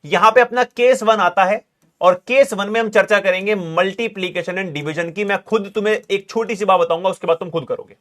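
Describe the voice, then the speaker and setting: High-voiced man teaching chemistry. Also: brisk, fairly bright tone. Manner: calls students "beta", asks them to make noise. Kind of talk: classroom lecture.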